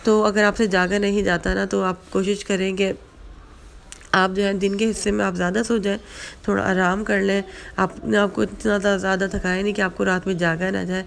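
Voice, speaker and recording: A woman talks to her viewers in a casual religious advice vlog, her voice hoarse from a flu and sore throat. Her tone is gravelly and stays fairly level in pitch. She chats loosely, circling back with repeated fillers. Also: flat delivery. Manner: chatty, repeats fillers, mixes in English words. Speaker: vlogger.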